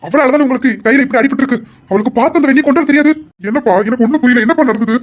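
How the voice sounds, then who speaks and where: Brief: a loud, angry son, played by a woman, quick and commanding. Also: high voice, muffled recording, voice pushed down. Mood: worried. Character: angry protective adult son, a man.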